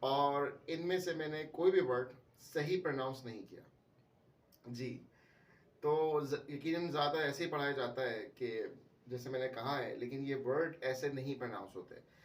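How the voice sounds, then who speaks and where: A man teaching English pronunciation, speaking slowly and deliberately and repeating each word for emphasis. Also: mid-range voice, recorded from a distance. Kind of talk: spoken language lesson. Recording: echoey room, voice from off-mic.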